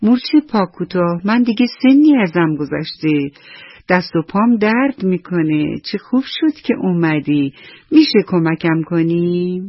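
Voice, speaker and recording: A woman storyteller voicing an elderly female ant with aching limbs who asks for help slowly in a radio bedtime story. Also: lowish voice, lively intonation, dry recording. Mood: pleading. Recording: dull lo-fi radio with soft music.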